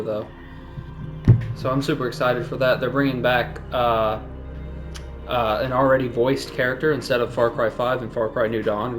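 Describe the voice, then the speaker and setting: A man with a mid-pitched voice chats casually as a gaming video host. He talks in an informal, conversational way, with music clearly playing behind him. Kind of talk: casual chat over gameplay.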